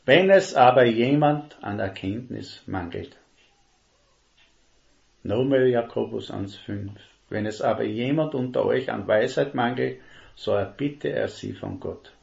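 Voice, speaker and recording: Gravelly man preaching earnestly. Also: medium pitch. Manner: earnest, emphatic, slows down to stress key words. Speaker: lay preacher. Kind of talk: sermon. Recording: dull lo-fi recording.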